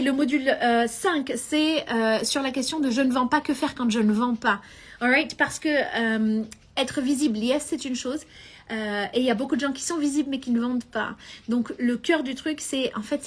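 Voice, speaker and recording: Woman, business coach, live stream, high-pitched, animated, mixes in English phrases. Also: normal speed.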